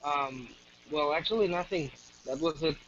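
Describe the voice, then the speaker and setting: Speaking over a voice call, a young Mexican man in his 20s, whose first language is Spanish, haltingly shares a casual story as a guest, soft-spoken and full of fillers and restarts. He has a Mexican Spanish accent and a fairly high voice. His computer mic gives dull, muffled audio with a faint hiss.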